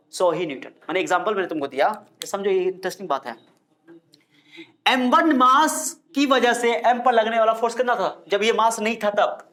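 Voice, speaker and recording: Male physics teacher, high voice, strict classroom lecture in Hindi with English terms. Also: a bit bright. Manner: scolds and quizzes students, mixing Hindi and English terms. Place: classroom with students.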